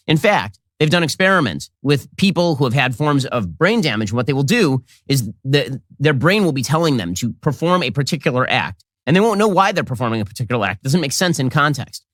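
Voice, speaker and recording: A sarcastic male commentator delivers a quick monologue. His pitch is on the high side and bounces a lot. The sound is close and dry. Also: fairly bright tone, no echo. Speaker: political commentator.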